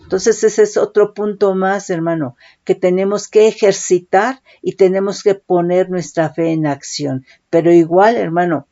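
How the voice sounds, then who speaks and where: A woman's voice: fairly low pitch, mellow. A woman preaching a sermon, often calling listeners "brother" and checking in with "right?". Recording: dull lo-fi recording.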